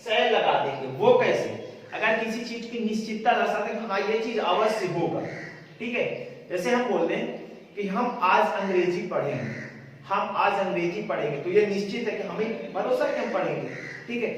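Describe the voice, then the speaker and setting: A man teaching a grammar lesson, asking questions and answering them himself, and repeating each sentence slowly. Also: sits high, animated. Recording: echoey room with long reverb, voice far from the mic.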